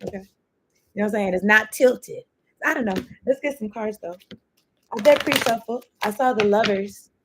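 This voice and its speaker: Over a noisy background, a woman with a medium-pitched voice speaks at a moderate pace during a casual tarot session. Her talk is chatty and meandering as she links cards and thoughts, with occasional swearing.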